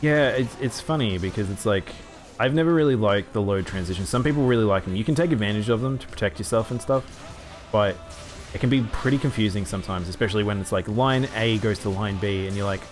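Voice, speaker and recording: A man's voice: fairly low pitch, quick pace, faint music behind. Man with a mild Australian accent. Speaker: streamer. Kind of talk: casual gaming chat.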